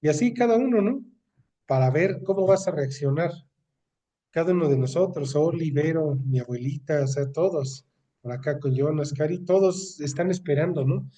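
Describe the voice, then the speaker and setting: A man's voice: on the high side, normal speed, dark tone, far from the mic. A man with a Mexican accent leading a Bible study, reading scripture aloud and explaining it in a conversational way, often checking in with "¿no?". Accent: Mexican Spanish. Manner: conversational, often asking ¿no? for agreement.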